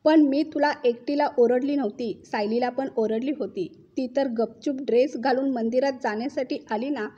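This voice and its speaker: A woman voicing a calm middle-aged mother-in-law who answers in a measured way. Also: high-pitched, highs cut off. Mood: firm.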